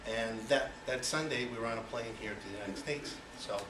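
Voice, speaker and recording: A Cuban-born man speaks a little fast in a mid-range voice, giving a personal icebreaker speech to an audience. He keeps it conversational with many you-knows and rhetorical questions, and his voice comes from far off in a noisy, echoey room.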